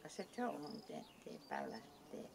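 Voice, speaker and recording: An older woman with a South Jutlandic Danish accent, telling stories from her youth in a hesitant, halting way with many restarts. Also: low-pitched, wildly swooping pitch, noisy background. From Southern Jutland, Denmark. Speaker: interviewee recalling her youth. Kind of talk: casual oral-history storytelling.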